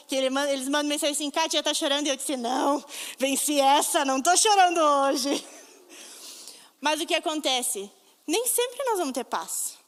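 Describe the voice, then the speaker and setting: A woman's voice: high-pitched, fairly bright tone, long reverb tail. A woman preaching a fervent sermon, acting out the people in her stories. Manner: fervent, acts out dialogue.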